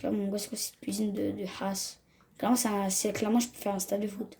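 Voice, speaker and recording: Slangy young gamer, dark voice. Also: mid-range voice, level tone, fast, gravelly. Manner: slangy, chatty, keeps addressing viewers. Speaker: gaming video host. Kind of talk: casual let's-play commentary. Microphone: phone.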